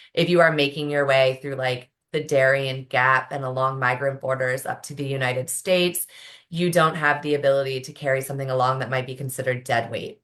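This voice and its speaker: A woman's voice: sits low, fairly bright tone. A woman panelist speaking earnestly and fluently on an online panel, using rhetorical questions. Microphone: video call.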